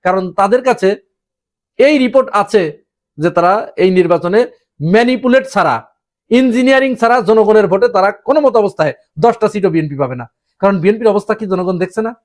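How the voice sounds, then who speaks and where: A man's voice: high-pitched, fast, a little mellow. A man delivering an emphatic opinion monologue on current events, asking the audience rhetorical questions. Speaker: political commentator.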